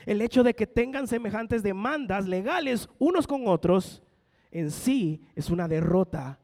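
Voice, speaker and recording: A man's voice: high voice, lively intonation, a little slow, darkish tone. A young man, preaching a sermon as a pastor, building emphasis and acting out the voices he quotes. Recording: long hall reverb from a church.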